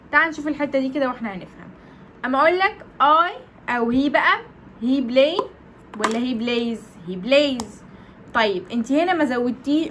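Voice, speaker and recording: A woman's voice: sits high, slight background noise. A woman with an Egyptian Arabic accent teaching English grammar. She asks the class questions, answers them herself and repeats the key points. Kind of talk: explaining grammar lesson.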